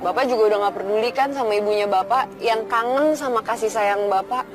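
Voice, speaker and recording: Woman playing a high-pitched, cheeky young working-class woman. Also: quick pace, music in the background, lightly acted. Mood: reproachful. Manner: blunt, chatty, colloquial. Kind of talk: TV film drama acting.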